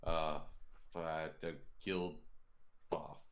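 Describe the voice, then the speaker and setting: A male tabletop player with a very deep voice who talks slowly. He speaks hesitantly, stalling with fillers as he works out his ideas. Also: little pitch movement, vocal fry. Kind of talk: casual tabletop play.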